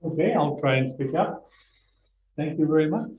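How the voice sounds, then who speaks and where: A man's voice: fairly high pitch, animated, normal speed, a little mellow. A man chairing a board meeting in a plain procedural manner, his voice muffled like speaking inside a fishbowl. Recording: muffled echoey boardroom audio, faint noise.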